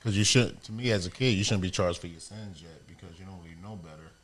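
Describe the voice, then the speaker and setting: A man hosting a casual couch interview, relaxed and blunt, joking and cursing freely. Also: deep voice, quick pace. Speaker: host.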